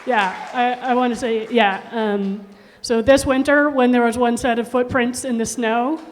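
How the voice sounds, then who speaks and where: A woman's voice: a little high, fairly even intonation, unhurried. A woman giving informal thank-you remarks at a live event. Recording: echoey hall, faint crowd noise. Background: light crowd ambience.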